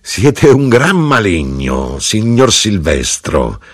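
A man's voice: on the low side, very animated, slow pace, breathy edge, full character voice. A man reading an audiobook and voicing a bashful widow of nearly forty who laughs and protests. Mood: protesting.

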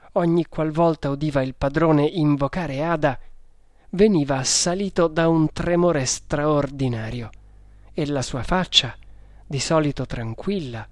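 A man reading an adventure novel aloud as narrator, slowly and in a measured way. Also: fairly high pitch, no room sound, studio quality. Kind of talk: audiobook reading.

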